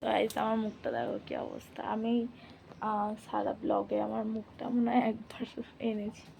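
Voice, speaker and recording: A woman's voice: mid-range voice, little pitch movement, brisk, gravelly, background noise. A young woman vlogging casually from her home kitchen, chatting through each cooking step for her viewers on a handheld phone. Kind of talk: casual vlog narration.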